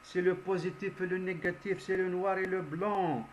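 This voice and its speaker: A man's voice: high voice, fairly even intonation, moderate pace, muffled recording, noisy background, pitched above the performer's own voice, lightly acted. A man voicing an exasperated, brotherly but rude male go-between for a genie, scolding and protesting.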